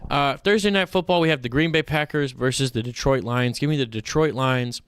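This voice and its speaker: A man hosting a casual fantasy football stream, chatty and animated, rambling with playful asides. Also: mid-range voice, fairly quick, smooth. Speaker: fantasy football show host. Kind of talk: casual livestream commentary.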